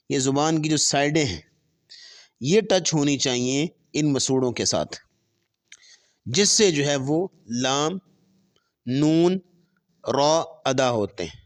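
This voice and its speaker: A man teaching Quran pronunciation, explaining step by step and stretching letters slowly in drills, with English terms mixed in. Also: a little high, animated. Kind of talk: tajweed lesson with spoken drills.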